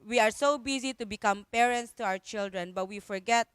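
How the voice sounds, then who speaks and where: A woman's voice: on the high side, fairly quick, a bit bright, clean tone, no room sound. A woman pastor with a Filipino accent giving an earnest devotional Bible teaching, repeating her key phrases and mixing in Tagalog.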